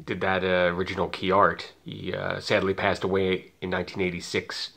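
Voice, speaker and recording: An American man with a fairly low voice hosts as a film lover would. He presents to viewers in a prepared, scripted way. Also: completely flat delivery, normal speed, vocal fry, pushed and bright. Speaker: host, filmmaker.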